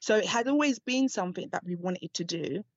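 A woman's voice: fairly low pitch, lively intonation, brisk, no room sound. A woman guest on a podcast interview, talking frankly and chattily and laughing often. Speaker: guest, dominatrix and seduction coach. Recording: dull dry remote line.

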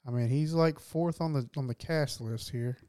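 A man co-hosting a podcast, talking about movies in a relaxed way and laughing often. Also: medium pitch, normal speed, no echo, clean studio sound. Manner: laid-back, laughs often, many fillers. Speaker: podcast co-host. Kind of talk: casual film chat.

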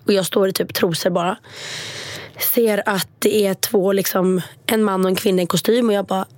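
Animated Swedish-speaking woman telling a story. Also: medium pitch, no room sound. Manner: animated, quotes people in lively voices. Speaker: storyteller guest. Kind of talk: casual storytelling chat.

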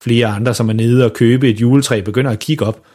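Slightly husky male storyteller. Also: medium pitch, steady tone, mellow. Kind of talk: children's story reading.

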